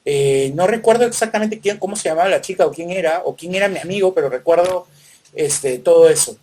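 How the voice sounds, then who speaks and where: A man's voice: high-pitched, a little fast, dark tone, slight background noise. A middle-aged man with a Peruvian Spanish accent, a podcast host reminiscing casually and unhurriedly with his son, with many fillers. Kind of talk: casual chat.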